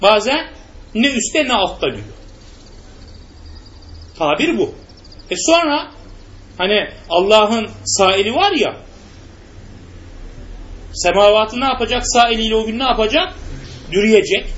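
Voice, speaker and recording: High-voiced man teaching a religious class. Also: animated, unhurried, pauses often, fairly bright tone. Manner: asks rhetorical questions and answers them himself. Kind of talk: classroom lesson with questions to students. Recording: muffled recording with faint background noise.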